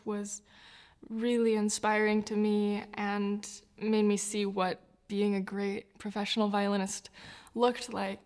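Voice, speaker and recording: Speaking in a slightly mellow, mid-range voice, the young violinist from New Zealand, brought up in the US, looks back thoughtfully during a documentary interview. Laughter comes up frequently as she talks.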